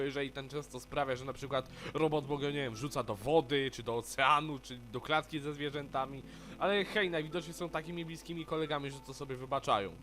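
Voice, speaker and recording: A man's voice: on the high side, fairly bright tone. A man narrating a casual video review of a cartoon, frank and opinionated in a chatty way.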